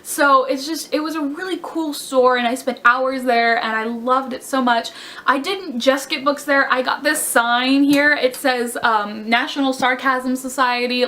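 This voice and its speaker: A woman's voice: high voice, pushed and bright. A young woman chatting casually about her book haul, gushing and rambling with fillers and self-corrections. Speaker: book vlogger.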